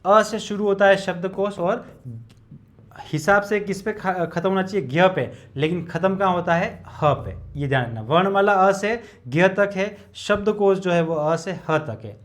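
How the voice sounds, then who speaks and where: Methodical male Hindi lecturer, higher voice. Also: moderate pace. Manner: methodical, repeats each step and checks with the class. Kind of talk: exam-prep lesson, explaining step by step while writing.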